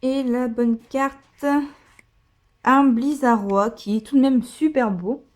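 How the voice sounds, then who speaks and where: Speaking slowly in a fairly high, steady voice, this woman gives casual commentary as she opens trading card packs. She's a card-opening vlogger who raves about what she pulls, filling her talk with plenty of fillers.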